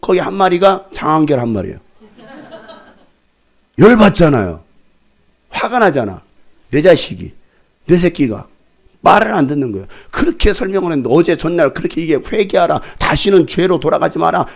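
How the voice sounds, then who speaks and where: Animated husky-voiced male pastor preaching. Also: on the high side, brisk, lo-fi sound. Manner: animated storytelling, shouting in retold scenes. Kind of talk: sermon. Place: church sanctuary.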